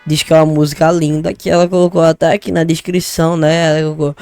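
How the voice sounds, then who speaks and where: Fast-talking joking guy. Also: on the high side, level tone, gravelly, a little mellow, no room sound. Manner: quick, joking, swears, rambling asides. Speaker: vlogger reacting to a language lesson. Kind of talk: casual chat. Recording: dry close voice, faint music.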